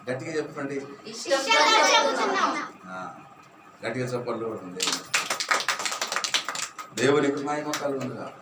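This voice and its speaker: A man's voice: a little high, fairly bright tone, slight background noise. A man preaching a sermon to a church congregation, asking them questions and calling on them to answer. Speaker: pastor. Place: church hall. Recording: echoey from far off.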